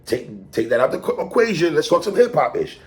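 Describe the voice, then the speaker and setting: With a fairly high pitch, big swings in intonation and a quick, slightly mellow delivery, a New York City man reviews a hip hop album. He's opinionated and casual, hammering points with repetition and slang as he talks to the artist directly.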